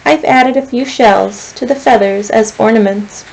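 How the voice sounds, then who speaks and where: A woman, a teacher, reading a novel aloud to her class in a steady storytelling voice. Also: fairly high pitch, measured pace, vocal fry, poor audio.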